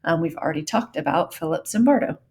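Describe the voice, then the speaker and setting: A woman's voice: sits low, lively intonation, quick pace, darkish tone. A woman from Southern California giving recorded psychology lecture notes in a conversational way, with frequent ums and the odd y'all. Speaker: psychology teacher.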